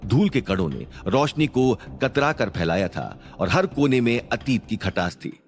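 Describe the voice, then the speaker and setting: A man's voice: medium pitch, lively intonation, measured pace. A man narrating a suspense story in a scripted, dramatic storytelling manner.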